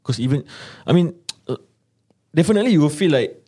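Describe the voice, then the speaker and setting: A man's voice: a little high, lively intonation, brisk, warm tone, husky. A Singaporean man chatting casually as an interview guest in colloquial Singlish, slipping between English and Malay. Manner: colloquial, with Singlish particles like lah and eh. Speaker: podcast guest, small business owner. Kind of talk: casual conversational advice, mixing English and Malay.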